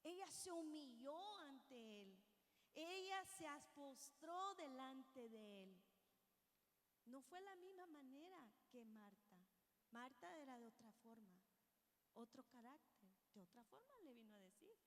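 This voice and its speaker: A woman's voice: high voice, very animated, slow pace, fairly bright tone, long reverb tail. A woman preacher reading scripture and giving an earnest, reflective sermon to her congregation. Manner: reflective, earnest, addresses listeners as brothers and sisters.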